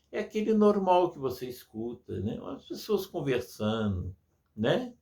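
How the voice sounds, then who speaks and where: A man's voice: medium pitch, warm tone. A man teaching music to children, patient and full of diminutives, imitating sounds as he explains.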